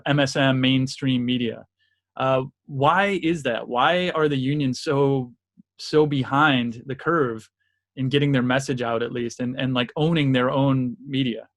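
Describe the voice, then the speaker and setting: Man asking rambling interview questions. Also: mid-range voice. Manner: thoughtful, rambling questions with restarts. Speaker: podcast interviewer. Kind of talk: casual interview talk.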